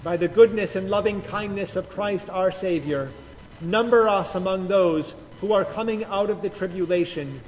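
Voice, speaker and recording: A male pastor leading liturgical prayers in a slow, measured cadence, heard in the echo of a large church. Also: high-pitched. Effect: cathedral echo. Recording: long church reverb, faint music.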